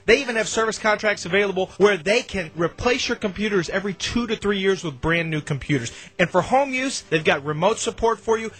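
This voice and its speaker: A man's voice: high voice, sharp tone, no echo. A man reading a radio commercial in a wisecracking, salesy way. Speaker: radio co-host reading ads. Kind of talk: live-read radio commercial.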